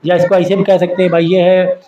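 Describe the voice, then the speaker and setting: High-voiced male teacher quizzing a class. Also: completely flat delivery, a little fast, warm tone, dull audio, slight background noise. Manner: quizzes students with repeated call-and-response questions. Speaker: science teacher. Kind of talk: classroom lecture. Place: classroom with students.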